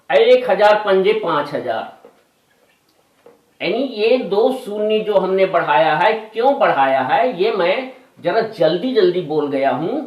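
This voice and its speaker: A man's voice: high voice, dull audio. A man teaching a maths lesson step by step, patient, going back over the steps and correcting himself aloud. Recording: echoey room, voice from a distance.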